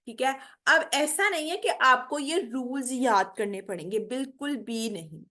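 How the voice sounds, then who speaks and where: A woman's voice: high-pitched, expressive, pushed and bright. A woman teaching pronunciation in an online lecture, explaining patiently and checking in often with her students. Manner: explains slowly, mixing Hindi with careful English, keeps saying "theek hai". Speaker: English teacher. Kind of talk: online spoken English lecture.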